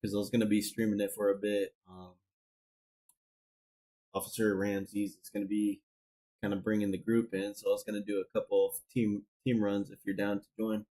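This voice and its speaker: Man, slightly low voice, casual live-stream chat, rambling, filler-heavy, desk mic at home. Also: little pitch movement, normal speed, dark tone, rough recording. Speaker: gaming streamer.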